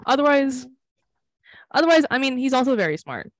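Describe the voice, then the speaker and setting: A woman's voice: high voice, big pitch swings, dry recording. Laughing woman co-host, dry sound. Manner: laughing, profane, quick reactions. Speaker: podcast co-host. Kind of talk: casual podcast chat.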